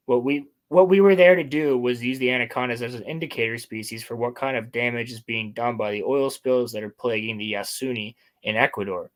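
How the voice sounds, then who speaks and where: Male host, average pitch, casual chat, reading articles aloud, presenting to a co-host. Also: a bit bright.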